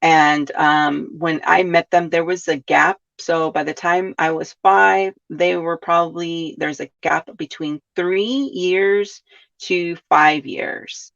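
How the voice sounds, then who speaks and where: Slow and gravelly, yet a bit bright, this podcast host from California speaks in a fairly low, fairly even voice. She reflects on self-help topics, frequently asking listeners questions and adding "right?", over dull lo-fi audio.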